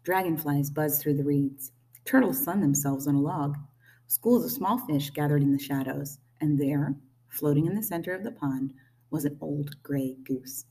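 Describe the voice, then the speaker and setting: A woman reading a children's novel aloud with lively, gently expressive storytelling. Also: deep voice, moderate pace, distant mic, rough recording. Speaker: storybook reader.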